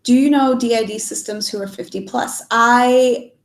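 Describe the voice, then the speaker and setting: A young adult woman with a fairly high voice speaks at normal speed, sounding stuffed up and sniffly. She's a YouTuber casually answering questions from live chat on a stream, with lots of ums and restarts, and the room is echoey.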